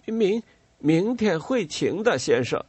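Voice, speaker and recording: A man reading an audiobook voices a hoarse, cringing river guide who sobs, stammers and begs for a drink. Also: medium pitch, big pitch swings, a little slow, no room sound. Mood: begging. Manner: sobbing, pleading and stammering.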